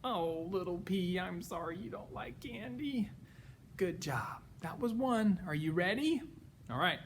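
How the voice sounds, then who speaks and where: A man's voice: high voice, lively intonation, unhurried, slight background noise. A man in his thirties reading a story to young children with exaggerated, singsong children's theatre delivery. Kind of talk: animated read-aloud story for young children. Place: small indoor set.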